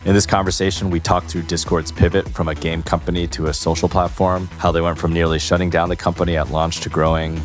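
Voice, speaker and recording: A low-voiced man opens and hosts an interview podcast with an eager, upbeat tone. A faint music bed plays beneath him. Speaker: podcast host. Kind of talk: podcast intro read and interviewing.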